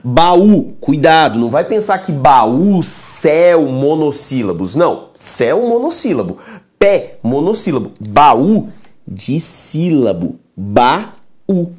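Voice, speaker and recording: A male grammar teacher delivers a recorded lecture with a lively, swooping voice that rises sharply on questions. He is emphatic, keeps checking in with the listener, and breaks words into syllables slowly. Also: a little high.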